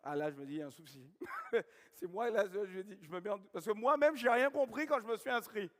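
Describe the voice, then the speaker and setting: A network marketing trainer, a man with a high voice and a Guadeloupean French accent, leads a sales training seminar at a fast pace. He hammers points home through repetition and rapid questions to the audience, his voice echoing with a large hall's long reverb.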